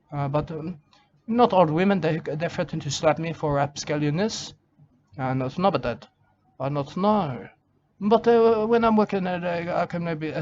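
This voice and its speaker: An Australian man delivers a rambling comic monologue outdoors, repeating himself in broken grammar and saying "mate" over and over. His voice is on the high side and darkish. The lo-fi recording sounds dull, with faint ambience and a little hiss or hum.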